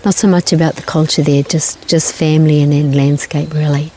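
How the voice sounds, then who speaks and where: An older woman who grew up in New Zealand, answering interview questions in a gentle, thoughtful way with pauses and restarts. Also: low-pitched, fairly even intonation, a little hiss or hum, rough recording. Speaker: guest, singer-songwriter.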